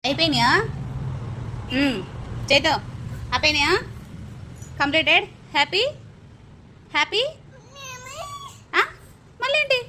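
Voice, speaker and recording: A woman's voice: sits high, takes it slowly, pauses often, sharp tone, a little hiss or hum. A young mother at home, coaxing and scolding her small child in short, repeated commands while filming. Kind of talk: casual home vlog. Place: family home.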